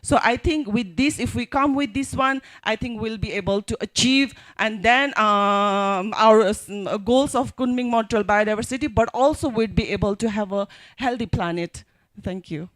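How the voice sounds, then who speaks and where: A woman speaks on a panel in a fairly high voice. She makes her case off the cuff, in non-native English phrasing. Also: moderate pace. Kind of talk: unscripted advocacy talk at a panel.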